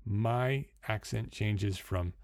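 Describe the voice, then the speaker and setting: A man's voice: on the low side, very slow, no echo, clean studio sound. A man from New Jersey with a New Jersey accent, giving conversational sales coaching as a numbered list of tips, often restarting his phrases. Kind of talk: instructional talk.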